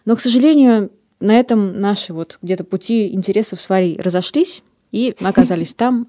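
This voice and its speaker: Mellow-voiced woman in her thirties hosting. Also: fairly low pitch, no room sound, clean studio sound. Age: 30s. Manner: reflective, storytelling. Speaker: podcast host. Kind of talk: casual podcast chat.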